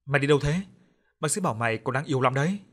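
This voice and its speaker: A man voicing a young woman, a blunt and talkative best friend who scolds briskly. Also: medium pitch, animated, natural voice.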